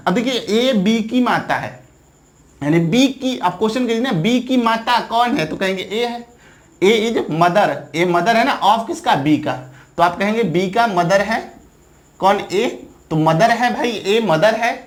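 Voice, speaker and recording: High-voiced man teaching a class. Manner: repetitive, checks in with "theek hai na" often; questions the viewer, then answers. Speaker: exam coaching teacher. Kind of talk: classroom lecture.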